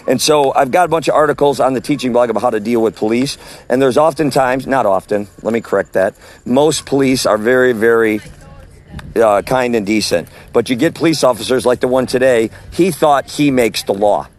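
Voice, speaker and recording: Walking outdoors at a farmer's market, a man preaches loudly in a forceful cadence while recording an audio message on his phone. This street preacher has a mid-range voice and speaks a little fast.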